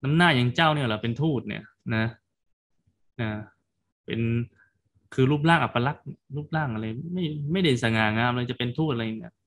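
A man's voice: mid-range voice, brisk, fairly bright tone, close to an everyday voice. A man voicing a proud male serpent king who mocks a visitor in a retold folk tale. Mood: scornful. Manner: mocking, contemptuous.

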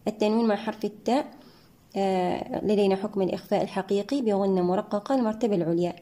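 A woman explains Quran recitation rules in a methodical lesson, stopping now and then with a soft "ah". Her voice is mellow and dark in tone. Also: medium pitch. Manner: methodical, pauses with frequent "ah" fillers; chants verses slowly and drawn out.

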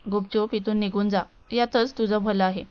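Storybook part: a haughty young tycoon, voiced by a woman narrator, cold and scornful, smooth, dull recording. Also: medium pitch, steady tone, moderate pace, close to an everyday voice. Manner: cold, dismissive, mocking. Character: arrogant rich young male businessman.

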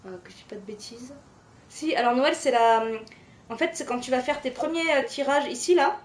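A woman's voice: high voice, moderate pace, a little hiss or hum. A woman streaming a game late at night at home, chatting loosely with her viewers and chuckling as she reads their messages. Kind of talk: casual live-stream chat.

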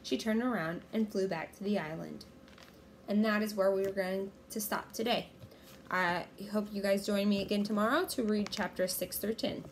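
A woman reading a children's chapter book aloud in a clear, steady storytelling manner. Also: mid-range voice, moderate pace, a little hiss or hum.

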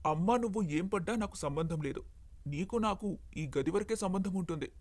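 A woman voicing a young husband in a storybook tale, speaking in a soft, gentle tone. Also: on the low side, moderate pace, no echo, pitched below the performer's own voice, close to an everyday voice. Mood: calm. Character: young husband, soft-spoken but cold. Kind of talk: storybook narration.

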